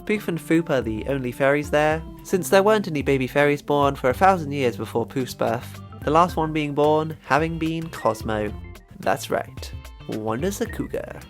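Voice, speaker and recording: A man's voice: fairly high pitch, lively intonation, normal speed, faint music behind. Man narrating a wry video essay. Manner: wry, chatty commentary.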